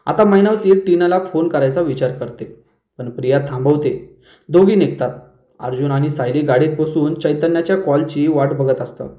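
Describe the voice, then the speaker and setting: A man hosting a serial review, retelling the episode scene by scene in a brisk storytelling manner. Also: on the high side, dark tone. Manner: brisk storyteller who briefly lifts his voice for quoted lines. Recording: roomy echo.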